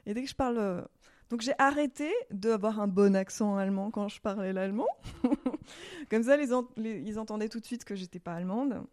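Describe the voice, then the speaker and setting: A woman from Alsace talks as an interview guest. Her delivery is chatty and relaxed, and she strings her stories together in an easy conversational flow. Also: medium pitch, normal speed. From Alsace, France. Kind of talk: casual interview chat.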